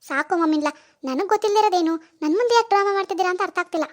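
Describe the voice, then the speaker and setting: A woman voicing a nosy young daughter-in-law in an animated family drama, loud and pushy with accusing questions. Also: extremely high pitch, racing.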